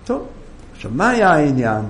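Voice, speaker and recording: Animated gravelly-voiced man telling a sermon story. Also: a little high, slight background noise. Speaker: rabbi telling a moral story.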